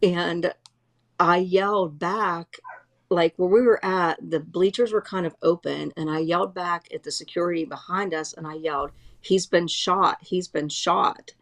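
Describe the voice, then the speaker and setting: A middle-aged woman at home giving an emotional first-hand eyewitness account, halting and restarting as she speaks. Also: lowish voice, fairly even intonation. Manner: halting, restarts often, voice full of distress. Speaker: eyewitness interviewee. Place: at home, dog nearby.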